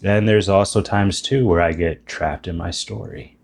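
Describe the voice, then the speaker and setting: Speaking to his channel's audience, a thirty-something YouTuber with a deep, very low, creaky voice reflects on spiritual ideas at a moderate pace. He thinks aloud, frequently starting sentences over. The mood is musing and a little self-deprecating.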